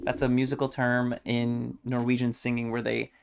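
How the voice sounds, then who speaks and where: A woman's voice: very deep voice, little pitch movement, moderate pace, creaky, clean tone. A woman hosting a movie reaction video, sharing trivia enthusiastically. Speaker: host.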